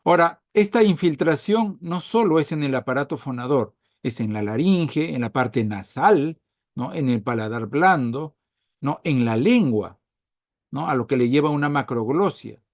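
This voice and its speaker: Lively man giving a dry-sounding lecture. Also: fairly high pitch, moderate pace, no room sound. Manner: frequent tag questions, animated emphasis. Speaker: medical lecturer. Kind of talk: recorded medical lecture.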